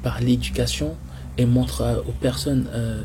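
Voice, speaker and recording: A man's voice: medium pitch, flat delivery, a little slow, noisy background. A man from Senegal in a panel discussion, speaking emphatically and assertively to make his points. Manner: emphatic, assertive, rises in force.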